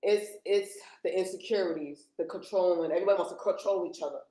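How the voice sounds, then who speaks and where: A woman's voice: fairly low pitch, fast talker, warm tone, roomy sound, poor audio. A woman in her thirties speaking bluntly and plainly as a guest in a casual podcast conversation, with slangy phrasing. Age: 30s.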